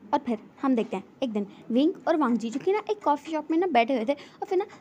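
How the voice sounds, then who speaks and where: High-voiced woman telling a fan story. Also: expressive, fast talker, a little mellow. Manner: retells a fan story, quoting each character in turn. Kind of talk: casual story narration with character dialogue. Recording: dull lo-fi audio with faint noise.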